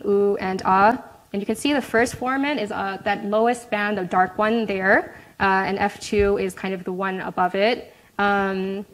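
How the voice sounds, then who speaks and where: A woman's voice: mid-range voice, rough recording. Woman giving a chatty academic talk. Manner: chatty, frequent "um" and tag "right?"; light laughs, self-deprecating asides. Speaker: graduate student presenter. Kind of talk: academic presentation.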